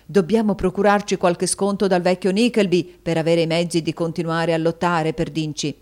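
A woman reading a storybook voices a florid, flattering middle-aged husband who gushes theatrical endearments. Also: fairly low pitch, moderate pace, close to an everyday voice. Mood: gushing.

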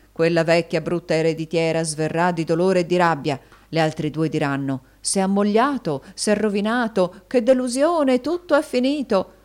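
A woman reading a storybook voices a florid, flattering middle-aged husband who gushes theatrical endearments. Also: lowish voice, lightly acted.

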